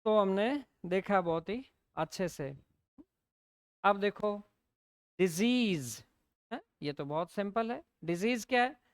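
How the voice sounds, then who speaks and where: Slow-spelling Hindi-woman teacher. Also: mid-range voice, expressive, dry recording, studio quality. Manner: explains in Hindi mixed with English, slowly spells out words, asks "है ना?" often. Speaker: English teacher. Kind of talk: classroom lecture.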